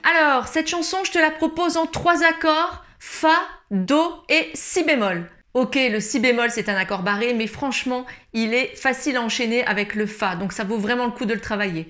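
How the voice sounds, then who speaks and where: A woman calmly explaining ukulele chords and strumming step by step in a tutorial. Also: on the high side, moderate pace. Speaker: ukulele teacher.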